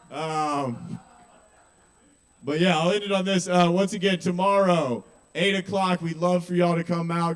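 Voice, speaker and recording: Young man doing stand-up. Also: a little high. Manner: conversational, asks the audience questions, swears. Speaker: open mic comedian. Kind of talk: stand-up comedy. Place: small kava bar with live audience.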